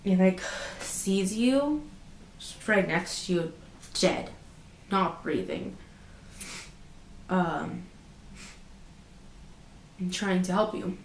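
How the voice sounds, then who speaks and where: A woman's voice: fairly low pitch, animated, extremely slow, pauses often, a little hiss or hum. A woman vlogger telling a story in a casual, rambling way with many fillers. Her voice sounds sick and teary. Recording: roomy echo with music behind.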